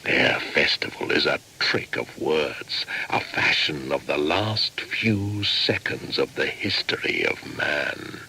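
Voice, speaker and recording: A very deep, ominous ancient shaman. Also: creaky, pushed and bright, full character voice. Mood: brooding, scornful. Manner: slow, incantatory, solemn. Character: ancient pagan male shaman spirit, ominous, proud, taunting. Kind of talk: dramatic radio play monologue. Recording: heavy background noise and ambience.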